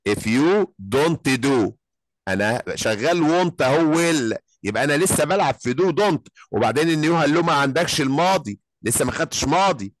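Egyptian guy teaching english, says phrases real slow then rattles off the explanation, dry close sound. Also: mid-range voice, no room sound. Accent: Egyptian Arabic. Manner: lively, drills phrases slowly then explains fast. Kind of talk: online English lesson.

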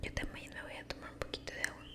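A woman in a whispered role-play, guiding the listener in a soothing, encouraging ASMR manner with affectionate, caring wording. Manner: soothing, encouraging, slow, uses affectionate diminutives.

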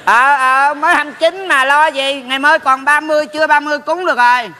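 A man's voice: very high voice, fairly even intonation, fast, pushed and bright, slight background noise, heavily acted. A man playing a nagging old mother who scolds her son in a stage comedy sketch, drawling his words. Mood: chatty.

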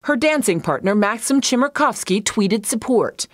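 A woman's voice: on the high side, expressive, moderate pace, noisy background. A woman reporter reading scripted narration for a television news package. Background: music bed.

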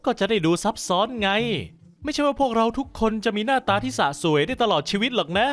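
An actor voicing a smug, teasing nerdy teenage boy in an animated story dub. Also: very high-pitched. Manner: smug, teasing, quick-talking. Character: nerdy teen boy blackmailing a cheerleader, smug.

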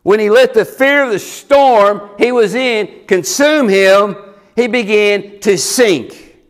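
A male pastor preaching a sermon, animated and acting out the scripture story. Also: sits high, slow pace.

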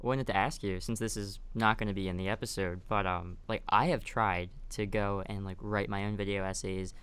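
A man co-hosting a relaxed film podcast, quick to agree and laugh along. His voice sits low and sounds smooth and clean. He asks questions in easy, casual chat. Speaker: podcast co-host.

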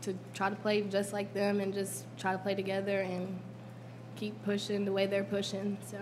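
A young woman basketball player answering hesitantly at a press conference, pausing with ums, into a table mic. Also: medium pitch, monotone, background noise. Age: young adult.

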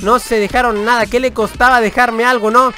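A young man with a Rioplatense Spanish accent giving crude, excitable, boastful commentary over gameplay. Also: very high voice, brisk, soft background music. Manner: excitable, crude, playfully boastful, bursts into shouts and laughs. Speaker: gaming YouTuber.

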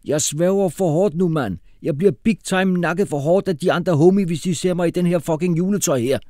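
A man's voice: on the high side, dark tone, no room sound, clean studio sound, voice pushed up, close to an everyday voice. A man voicing a cocky young street tough who talks in brash slang.

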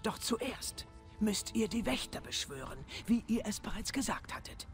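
Gravelly, solemn reptilian mystic. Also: female voice, medium pitch, very animated, faint music behind. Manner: measured, solemn, cryptic. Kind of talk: video game character acting.

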